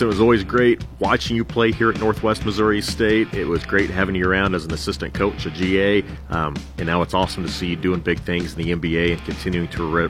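A man hosting an interview podcast in a friendly, easygoing way. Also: low voice. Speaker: podcast host.

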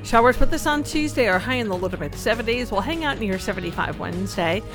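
A woman's voice: mid-range voice, lively intonation, fast talker, rough recording. A woman meteorologist reading a scripted radio weather forecast with music behind her. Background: music bed.

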